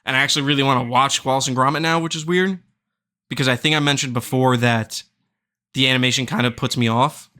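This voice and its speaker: A man's voice: medium pitch, steady tone, fast talker, sharp tone. A man hosting a gaming podcast in casual chat, rambling and searching for words. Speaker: podcast host.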